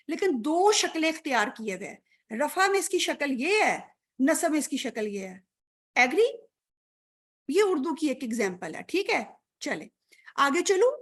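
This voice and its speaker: A woman with a high voice teaches an online grammar class. She is patient and often checks that her students follow, praising their answers. She mixes English terms into her explanations. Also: fairly bright tone.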